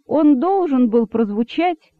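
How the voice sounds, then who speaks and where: A woman's voice: high-pitched, animated, slow pace, dry recording, pitched above the performer's own voice. A woman doing a fussy, hesitant male poet. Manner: hesitant, over-explaining. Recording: dry tinny phone-like sound.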